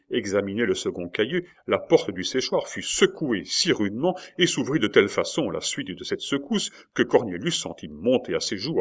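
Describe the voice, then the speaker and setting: A man narrating a classic novel in a measured, expressive audiobook style. His voice sits fairly low. He paces the storytelling evenly between the acted dialogue. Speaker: audiobook reader.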